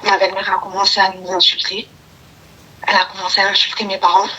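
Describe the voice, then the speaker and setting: A woman calling in to a live show, talking hesitantly with many pauses. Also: mid-range voice, completely flat delivery, bright, forceful tone, a little hiss or hum. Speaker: caller. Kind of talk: phone call to a live show. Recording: phone line with clicks.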